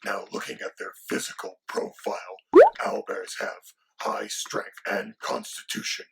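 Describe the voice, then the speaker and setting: A man voicing a menacing, haughty male dragon who co-hosts the show, speaking in a gravelly, rasping half-whisper with a sinister, theatrical manner. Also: lowish voice, a little slow, sharp tone, slight background noise, heavily acted, low-quality recording. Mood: instructive. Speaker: co-host.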